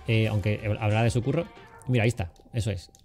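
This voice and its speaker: A man's voice: fairly low pitch, quick pace, a little mellow. Man, 40s, from Cádiz, joking interview host with lots of fillers, faint music behind. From Cádiz, Spain. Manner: banters and teases, many fillers and restarts. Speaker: podcast host. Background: faint background music.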